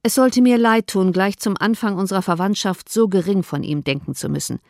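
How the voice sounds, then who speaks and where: A woman's voice: medium pitch, a little fast, darkish tone, dry recording, lightly acted. A woman voicing a dry, rueful older father in an audiobook, wry and resigned. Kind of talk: audiobook reading.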